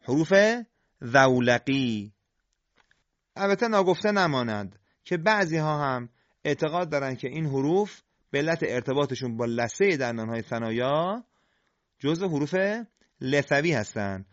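A man with a slightly high voice gives a deliberate, step-by-step pronunciation lesson and pauses to sound out each letter. The recording is dry and a little dull and lo-fi. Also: animated, no room sound. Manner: slow, deliberate, demonstrates sounds. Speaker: Quran recitation teacher. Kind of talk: scripted instructional lesson on tajweed.

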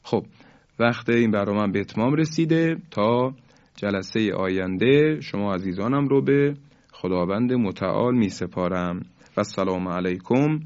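A man teaching the rules of Quran recitation, explaining patiently and repeating example words slowly with emphasis. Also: lowish voice, a little mellow, no room sound, dull audio. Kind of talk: religious lesson on recitation rules.

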